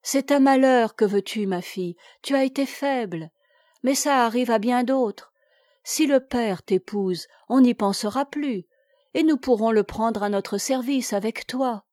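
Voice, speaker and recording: A woman voicing a gentle young mistress of the house who speaks softly and soothingly in a read-aloud novel. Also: fairly high pitch, measured pace, dry recording, studio quality, lightly acted. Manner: soft, hushed and soothing.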